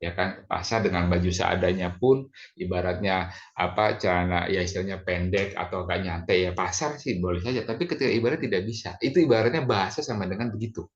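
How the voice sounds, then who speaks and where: A man's voice: low voice, steady tone, a little fast, muffled recording. A man giving a rambling classroom lecture, full of fillers and tag questions.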